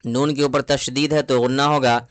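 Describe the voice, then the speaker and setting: A man with a Pakistani Urdu accent, teaching Quran recitation at a measured, patient pace. His voice is smooth and resonant, recorded close and dry with no room sound. He breaks each word into letters and marks before joining them. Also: medium pitch, fairly even intonation, no echo. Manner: patient, spells letters and vowel marks one by one. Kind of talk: slow spelled-out recitation lesson.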